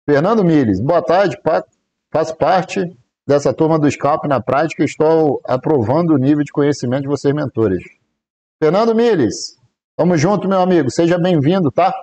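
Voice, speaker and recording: A man's voice: on the high side, a little mellow. A man from Brazil streaming live day trades, chatting casually with viewers and joking while he counts aloud. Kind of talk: live trading stream chat.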